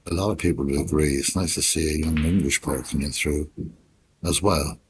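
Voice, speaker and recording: A snooker commentator with an extremely low voice speaks quietly and without hurry, in the manner of golf coverage. He keeps a steady tone, offering short, measured phrases separated by long gaps, while background noise is clearly audible.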